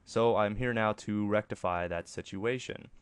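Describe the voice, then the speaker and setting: A man presenting a casual, offhand software tutorial as a voice-over to a screen recording. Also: lowish voice, normal speed, clean tone, dry recording. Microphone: close microphone, voice-over for screen capture.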